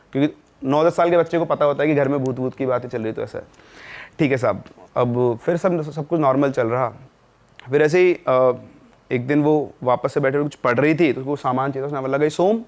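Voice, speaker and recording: A man's voice: medium pitch, brisk, a little mellow. A man narrating a spooky story in a conversational podcast style, with dramatic asides to the listener. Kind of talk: casual spoken horror storytelling.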